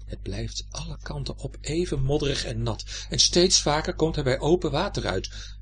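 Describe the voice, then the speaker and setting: A man narrating a children's story in an expressive, lively way. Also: on the high side, normal speed, a little hiss or hum.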